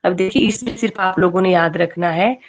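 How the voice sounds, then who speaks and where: A woman with a somewhat low voice teaching a grammar lesson online. She puts question after question to her students and waits for their answers. She paces the class with steady checks of "okay" and "right". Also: brisk, lo-fi sound.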